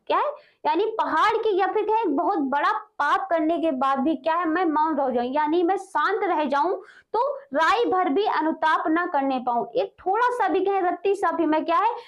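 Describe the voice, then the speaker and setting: Female tutor, high-pitched, slow verse reading then plain explanation, muffled recording. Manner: repeats "ठीक है" and "क्या है" as fillers, reads verses slowly. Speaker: teacher. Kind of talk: explaining Hindi poetry for exams.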